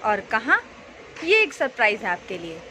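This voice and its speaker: A woman's voice: fairly high pitch, big pitch swings, normal speed. A woman in her thirties, a travel vlogger, chatting directly to her viewers in a casual, playful way as she films herself on a phone held at arm's length. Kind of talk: casual travel vlog narration. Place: in a car, at a roadside restaurant and outdoors. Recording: loud crowd and traffic noise.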